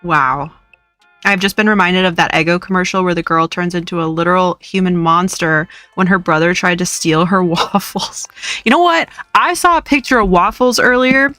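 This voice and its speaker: A woman's voice: fairly low pitch, normal speed, pushed and bright, no echo. A woman streamer chatting casually and playfully to her viewers while playing a game, often laughing. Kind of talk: casual live-stream chat while gaming. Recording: dry close mic with faint music.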